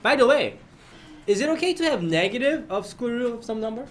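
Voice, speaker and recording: A man's voice: very high voice, lively intonation, fast talker. A man teaching a math lesson to his class, often prompting students with questions and checking that they follow.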